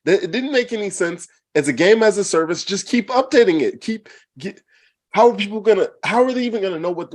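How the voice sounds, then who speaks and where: A man's voice: fairly high pitch, no echo. Guy ranting, annoyed, swearing, dry mic sound. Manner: exasperated ranting with cursing. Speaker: podcast co-host. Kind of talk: casual gaming chat.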